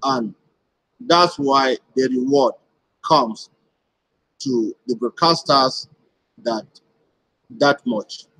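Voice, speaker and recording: Husky man asking and answering himself. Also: fairly high pitch, a bit bright, low-quality recording. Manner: repetitive rhetorical questions answered at once. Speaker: community leader giving a live broadcast. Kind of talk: explanatory live broadcast talk.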